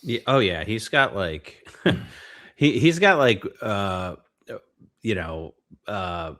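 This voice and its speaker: A man's voice: lowish voice, animated, takes it slowly, fairly bright tone. A man co-hosting a retro gaming podcast, talking casually with lots of fillers and restarts. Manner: hesitant, many fillers and restarts. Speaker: podcast co-host.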